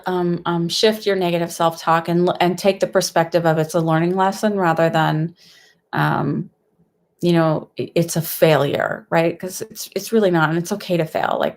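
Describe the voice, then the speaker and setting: A young woman with a lisp, a whistling s and a slight cold, speaking fairly quietly and hesitantly in a casual livestream psychic reading. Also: on the low side, fairly even intonation, moderate pace. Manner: hesitant, rambling, conversational. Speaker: psychic medium host giving live readings.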